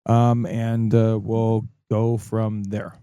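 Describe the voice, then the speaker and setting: A man's voice: lowish voice, level tone, slow pace, dark tone, clean tone, no room sound, studio quality. A man hosting a sports podcast in casual, rambling chat, full of likes and fillers. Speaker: podcast host.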